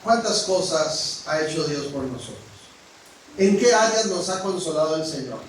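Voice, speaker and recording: A man preaching a sermon as pastor, frank and direct with his congregation, swinging from loud exclamations down to a hush. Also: on the high side, expressive, moderate pace, a little hiss or hum. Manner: preaching with rising exclamations and sudden drops to a hush. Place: church hall. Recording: echoey hall, mic at a distance.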